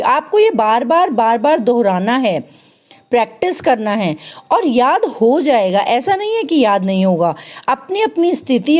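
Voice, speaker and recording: Lively high-voiced woman teaching step by step. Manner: explains step by step, slowly repeating verse words. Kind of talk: instructional talk.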